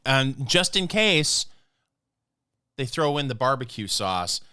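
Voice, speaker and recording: A man co-hosting a podcast, joking in a mock-serious deadpan. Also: mid-range voice, takes it slowly, clear, resonant tone, no echo, clean studio sound. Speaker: podcast co-host. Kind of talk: casual comedic banter.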